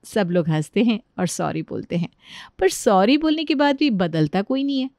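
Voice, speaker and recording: Woman narrator, calm storybook read, dry close sound. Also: mid-range voice, moderate pace, no echo. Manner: even, storytelling delivery.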